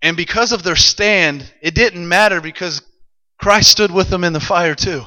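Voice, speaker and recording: A male preacher telling a Bible story to a congregation, building from calm narration to excited shouts. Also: high voice, normal speed. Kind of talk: sermon. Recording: long hall reverb.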